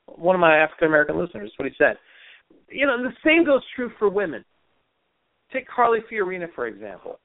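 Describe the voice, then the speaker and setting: A man's voice: high voice, very animated, fast talker, no room sound. A man hosting a political talk radio show, giving opinionated commentary full of rhetorical questions. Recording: tinny phone-like audio.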